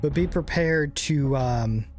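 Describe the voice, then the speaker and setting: Game music accompanies a young man who hosts a gaming channel as he rambles casually about a strategy game, joking and mocking himself. His voice is a little high and his delivery slow.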